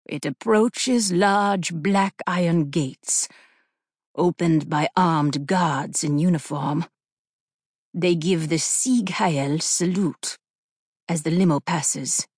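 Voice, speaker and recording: Woman voicing a slow German Nazi commander. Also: lowish voice, a little mellow, no echo, studio quality. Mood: scheming. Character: German-born male Nazi commander in his forties. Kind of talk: audiobook character reading.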